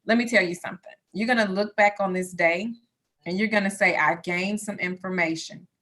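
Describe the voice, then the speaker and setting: A woman's voice: mid-range voice, brisk, a bit bright. A woman guest speaker on a video call, addressing children directly and emphatically, acting out imagined quotes.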